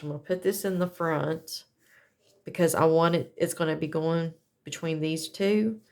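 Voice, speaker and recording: A woman with a low-pitched voice and vocal fry chats casually while demonstrating a craft setup. She talks in a folksy way and corrects herself as she goes, in a casual how-to chat.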